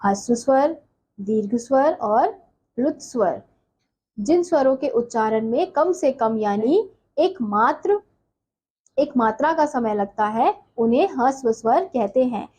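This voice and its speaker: Female grammar teacher, self-questioning classroom delivery, slightly husky, dark tone. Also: on the high side, animated, rough recording. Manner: asks and answers her own questions, slow and deliberate. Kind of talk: classroom lesson explaining.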